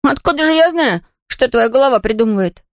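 A narrator voicing a cheeky, lazy little boy in a storybook reading, coaxing and flattering. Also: a little fast, dry recording, clean studio sound. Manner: coaxing, flattering, high and boyish.

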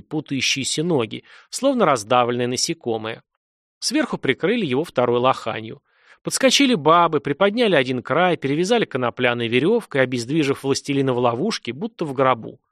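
Male narrator with a lively, dramatic voice. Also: medium pitch, no echo, clean studio sound. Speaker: audiobook narrator.

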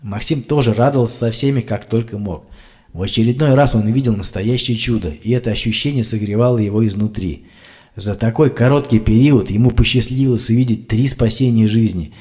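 A man reading an audiobook aloud, acting out shouted rescue dialogue as he narrates. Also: lowish voice. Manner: acts out shouted rescue dialogue, rising and loud for cries.

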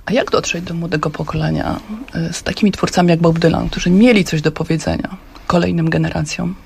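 A man with a raised, gravelly voice asks the guest questions. He sounds a little away from the mic, with faint noise behind him. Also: a little high, fairly even intonation, fast. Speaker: radio interviewer. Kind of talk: radio interview questions.

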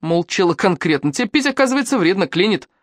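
A woman's voice: medium pitch, animated, fast talker, no echo, studio quality, close to an everyday voice. A woman voicing a sulky young man in an audiobook who grumbles sarcastically. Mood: grumbling.

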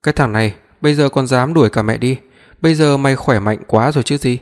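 A sharp-tongued older mother scolds her son, voiced by a man reading an audiobook. Her voice is plain and middling in pitch. A long reverb trails behind it. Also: fast talker, lightly acted. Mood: scolding.

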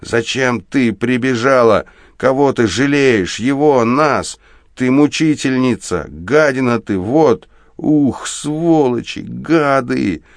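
A man voicing a frenzied, hysterical young soldier who shouts hoarsely in an audiobook. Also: sits low, unhurried, no echo, clean studio sound. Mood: frantic. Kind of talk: audiobook character voice.

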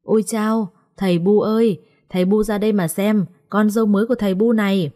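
Scheming daughter-in-law, sneering, condescending, dark mellow tone, read by a woman. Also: mid-range voice, steady tone, brisk, natural voice.

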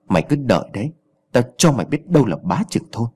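A man voicing an arrogant, bullying old village chief who sneers, insults and threatens, in a husky voice with wide swings of pitch. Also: sing-song, fast talker, a little mellow. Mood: furious.

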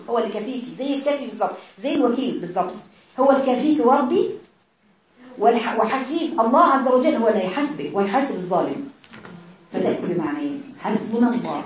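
A woman's voice: mid-range voice, a little mellow. A woman with an Egyptian accent giving a religious lesson in a conversational way, asking her listeners rhetorical questions. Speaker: religious teacher. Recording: very echoey room, voice far from mic.

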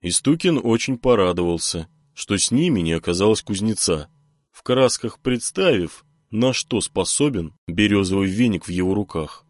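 Deep-voiced expressive male narrator. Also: dry recording. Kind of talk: audiobook narration.

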